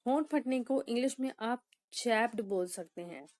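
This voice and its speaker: A woman English teacher with a fairly high, mellow voice, delivering a lesson in a dry, close sound. She explains patiently and speaks each example sentence very slowly, then repeats it. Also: no room sound.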